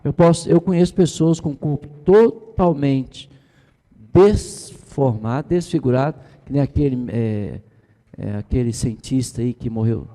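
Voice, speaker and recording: A man's voice: medium pitch, a little slow, dark tone. Middle-aged man teaching with long reverb. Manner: conversational, tag questions, mimics the people he quotes. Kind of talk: informal church teaching.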